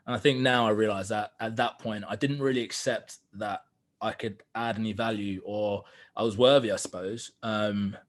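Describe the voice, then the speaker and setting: A man's voice: lowish voice, steady tone, moderate pace. A young man telling a personal story as a podcast guest, candid and earnest, with frequent fillers. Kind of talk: reflective storytelling in conversation.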